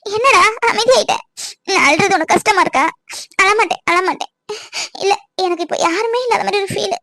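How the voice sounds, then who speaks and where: A woman's voice: very high voice, fast talker, gravelly, fairly bright tone, no room sound, exaggerated voice. A woman voicing a tearful lonely young girlfriend. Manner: complaining, pleading.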